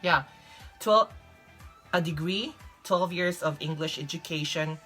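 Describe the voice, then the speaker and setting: A young Filipino woman whose first language is Visayan hosts a vlog, offering casual advice in a Filipino accent; she also teaches English. Her voice is fairly low and fairly bright, her pace unhurried, with soft music playing behind her.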